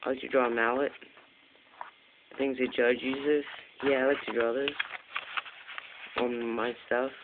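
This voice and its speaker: Recorded on a handheld Android phone, this video maker's improvised tutorial chat comes through tinny and noisy. His medium-pitched voice is flat in tone, a little slow, and broken by long pauses.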